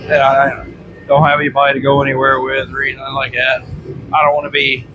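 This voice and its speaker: A man with bronchitis hosts a vlog from his workshop, talking fast at a medium pitch in a congested, chesty voice and clearing his throat often. He rambles to the camera in a folksy, colloquial way. The audio is dull, with the steady noise of a running heater behind him.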